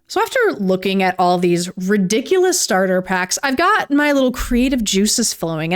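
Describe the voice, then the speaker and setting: A woman's voice: mid-range voice, clear, resonant tone. A young woman, giving a casual vlog commentary in a ranting, sarcastic way and swearing freely. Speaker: YouTuber.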